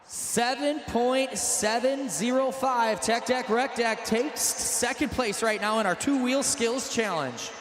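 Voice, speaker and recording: A man giving excited, emphatic live play-by-play as an event commentator, often shouting. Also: very high-pitched, slow pace, few pauses. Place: large stadium event. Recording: echoey stadium PA, loud engine noise.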